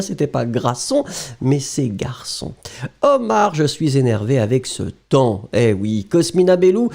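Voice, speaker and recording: Native french guy teaching, reads comments out slow, mellow voice that jumps around a lot, laughs a bunch. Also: fairly high pitch, vocal fry. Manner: chuckling, relaxed, mixes English explanations with French. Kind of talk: live lesson reading out viewer comments.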